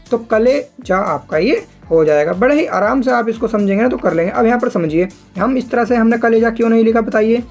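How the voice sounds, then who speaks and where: A man teaching shorthand step by step in a patient, repetitive way, often turning to the viewers as friends. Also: high-pitched. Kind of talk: step-by-step tutorial explanation.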